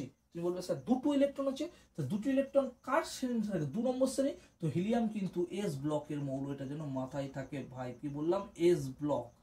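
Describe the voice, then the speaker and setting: A male chemistry teacher giving an exam-prep lesson, repeating key points, checking that students follow, and chanting memory rhymes slowly. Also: sits high, mellow.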